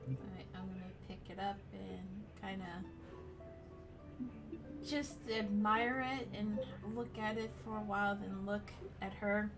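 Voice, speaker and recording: A woman's voice: medium pitch, level tone, a little slow, recorded from a distance, loud music behind the voice. A woman playing a tabletop role-playing game, reacting casually with swearing and playing her character. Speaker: player. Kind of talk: casual play and chat.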